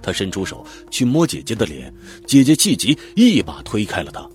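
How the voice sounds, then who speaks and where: A man's voice: lowish voice, wildly swooping pitch, moderate pace, a little mellow. A man narrating a dramatic audiobook, telling the story vividly and expressively. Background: faint background music.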